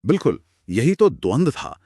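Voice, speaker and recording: A man co-hosting a conversational retelling of scripture, narrating with expressive, dramatic pauses. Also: medium pitch, husky, no echo, studio quality. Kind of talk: conversational storytelling discussion.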